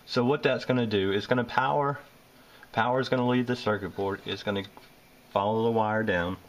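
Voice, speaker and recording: Working at a furnace in a basement or utility area, a low-voiced Southern American man who repairs HVAC systems explains the job plainly, one step at a time, talking a little fast. A handheld camera films the close-up work, and the audio is poor, with faint room noise.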